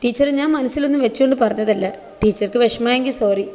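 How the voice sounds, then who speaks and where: A woman's voice: fairly high pitch, quick pace, darkish tone, slight background noise, lightly acted. A woman voicing a male school manager who sounds awkward, defensive and apologetic. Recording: long reverb.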